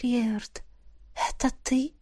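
A woman voicing a sleepy, earnest young woman in an audiobook, speaking softly and drowsily. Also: a little high, fairly even intonation, very slow, no echo, clean studio sound, voice pushed up. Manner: soft, drowsy. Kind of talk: audiobook character voice.

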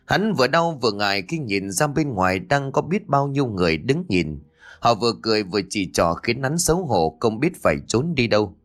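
A man's voice: mid-range voice, a bit bright. A man narrating a comic ghost story, slipping into voices for each character.

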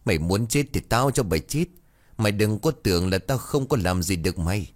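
This is a drunk, violent father in a spoken ghost story, snarling his threats, voiced by a man. His voice sits low and swings widely as he rages. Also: animated, a little fast, natural voice. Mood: furious. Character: drunk violent middle-aged father, menacing.

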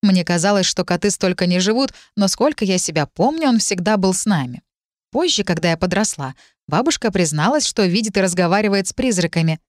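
A woman reading a first-person story aloud as audiobook narrator, even and measured. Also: medium pitch, dry recording, clean studio sound.

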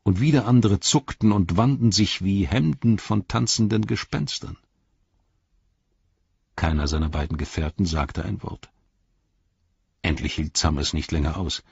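Man narrating a fantasy audiobook, low husky voice, slow, lots of melody. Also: dry recording, dull audio. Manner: measured, expressive storytelling.

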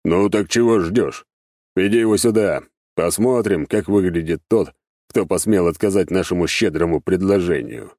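A man's voice: low-pitched, normal speed, darkish tone, no room sound, studio quality, close to an everyday voice. A man reading an audiobook, voicing a big scarred male demon crime boss who gives orders in a mocking, commanding way. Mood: scornful. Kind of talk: audiobook character voice.

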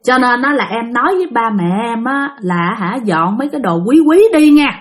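A woman voicing a kindly young female ghost who speaks softly and hesitantly, with pauses and fillers. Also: a little high, animated, lightly acted. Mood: gentle.

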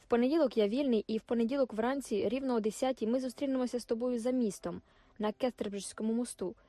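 A woman's voice: a little high, fast, mellow, dry recording, close to an everyday voice. A woman reading the lines of a brash, dismissive young male soldier, curt and commanding. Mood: hurried.

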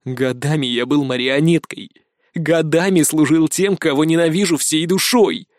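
A man's voice: fairly high pitch, moderate pace, no echo, close to an everyday voice. A male reader playing an angry, defiant young man who snarls and swears sarcastically, on a dry close mic.

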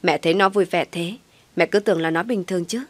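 A woman doing an older mother-in-law, soft and fussing, in a low voice. She soothes and frets by turns, and the sound is close and dry. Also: fast, no echo, lightly acted. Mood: fretful. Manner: soothing, fretful.

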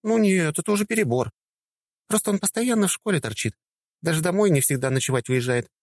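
Man doing a bright young woman, high and lively, teasing and upbeat, dry close sound. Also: fast talker, no room sound. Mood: cheerful.

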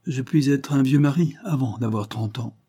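Un homme jouant un jeune avoué calme et ferme. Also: male voice, medium pitch, moderate pace, breathy edge, voice pushed up, natural voice. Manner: firm, evasive, good-humoured. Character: calm self-possessed young male lawyer.

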